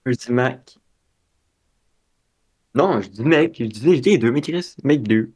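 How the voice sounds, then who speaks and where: A young man with a Québécois French accent rambles through a casual podcast chat. He corrects himself often and leans on slang. His voice is at an ordinary middle pitch. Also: expressive, slow, a little mellow, breathy edge. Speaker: podcast co-host.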